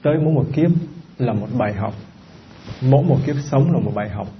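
A man's voice: mid-range voice, lively intonation, brisk, slight background noise. A man, a Buddhist monk giving a conversational Dharma talk and often quizzing his listeners. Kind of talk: Dharma talk to a live audience. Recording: dull lo-fi recording with faint background ambience.

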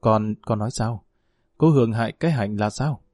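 A man voicing an injured father in a hospital bed who snaps and shouts in a spoken family drama. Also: medium pitch, expressive, quick pace, dry recording, clean studio sound, close to an everyday voice. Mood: angry. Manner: curt, shouting orders.

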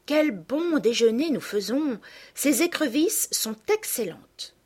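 A woman's voice: high voice, expressive, takes it slowly, a little mellow, husky, pitched above the performer's own voice, full character voice. A woman voicing a cheerful young girl, eager and exclamatory. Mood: delighted.

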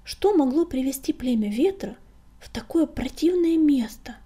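A woman's voice: high-pitched, expressive, normal speed, dark tone, pitched above the performer's own voice. A woman voicing a young male warrior cat, anxious and blunt, in whispered role-play. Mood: uneasy.

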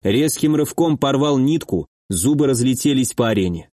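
A man narrating a fantasy audiobook in a steady, measured reading. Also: medium pitch, no room sound, clean studio sound.

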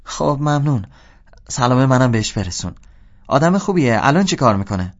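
A man's voice: medium pitch, expressive. A man voicing an adult woman woken late at night, curt and suspicious at first. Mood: warming. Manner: curt, suspicious, then flirtatious. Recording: dull lo-fi audio.

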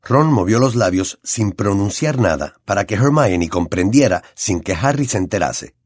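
Expressive Latin American Spanish male narrator. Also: on the low side, normal speed, dry recording, clean studio sound. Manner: expressive storytelling delivery. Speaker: audiobook narrator. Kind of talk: scripted audiobook narration.

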